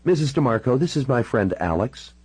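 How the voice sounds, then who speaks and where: A man's voice: medium pitch, sing-song, fairly quick, darkish tone, slightly rough, no echo, pitched above the performer's own voice. A man voicing a polite, direct young woman in an audiobook. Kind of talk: audiobook character voice.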